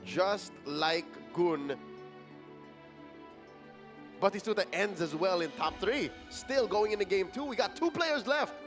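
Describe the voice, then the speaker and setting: Esports caster, male, high-pitched and animated, exclamatory live play-by-play with light music behind. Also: takes it slowly, long pauses.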